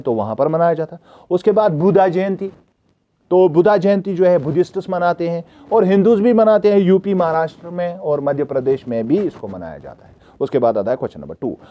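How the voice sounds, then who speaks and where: With a high-pitched, warm voice and dull audio, a Kashmiri man leads a revision lesson. He reads the English questions out slowly and frequently makes sure his students are keeping up.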